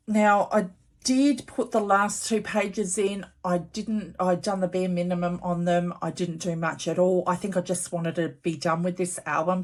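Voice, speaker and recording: A woman hosting a casual craft tutorial in a chesty, congested voice, chatting informally and apologetically as she explains things to viewers. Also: on the low side. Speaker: craft channel host.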